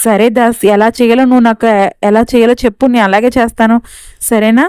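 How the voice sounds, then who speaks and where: A woman's voice: fairly high pitch, steady tone, quick pace, darkish tone, clean tone, dry recording, natural voice. Woman voicing Meera, scheming villainess. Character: scheming villainous young woman plotting for wealth.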